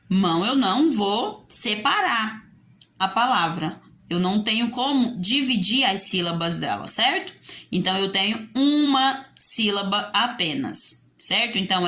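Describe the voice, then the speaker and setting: In a sing-song teaching voice, a woman with a Brazilian Portuguese accent poses and answers pupils' questions in a video lesson for young children. She speaks at medium pitch with a bright, forceful tone.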